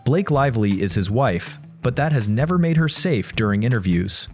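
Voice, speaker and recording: A man's voice: medium pitch, expressive, normal speed, a little mellow, soft background music. A man narrating a video from a script, linking one story to the next.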